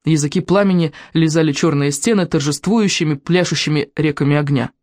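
An audiobook narrator reading a children's adventure story with lively, expressive storytelling. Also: medium pitch, fairly quick, no echo, clean studio sound.

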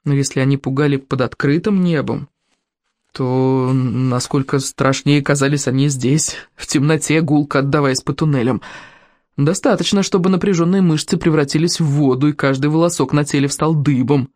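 An audiobook narrator reading a children's adventure story with lively, expressive storytelling. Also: mid-range voice, moderate pace, no echo, studio quality.

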